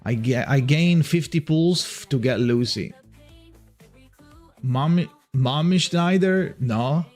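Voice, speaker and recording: A man's voice: a little high, animated, slow, darkish tone. Italian guy streaming, reading chat out, lots of restarts, bit of music under it. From Italy. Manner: rambling, reads chat aloud, frequent restarts. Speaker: livestream host. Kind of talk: casual chat with viewers.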